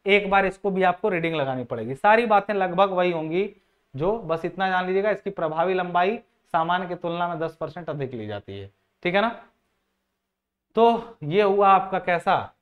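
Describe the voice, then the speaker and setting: A man's voice: sits high, a bit bright. A man teaching civil engineering for exams, walking through diagrams in an informal way, asking rhetorical questions and repeating key points. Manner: informal, addresses viewers as friends. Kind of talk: exam-prep lecture explaining diagrams.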